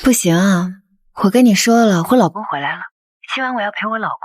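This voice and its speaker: A woman's voice: mid-range voice, lively intonation, fast talker, close to an everyday voice. A young woman playing a self-assured wife in a drama, speaking curtly and coolly. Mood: dismissive. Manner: cool, curt, assertive. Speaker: wife, heroine. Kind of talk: TV drama acting.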